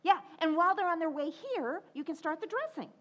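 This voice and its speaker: A woman's voice: extremely high pitch, expressive, brisk. An actress playing a bossy but supportive girlfriend in an old-time radio comedy, emphatic and coaxing. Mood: coaxing, instructing. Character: bossy, fussing, supportive best girlfriend of a housewife.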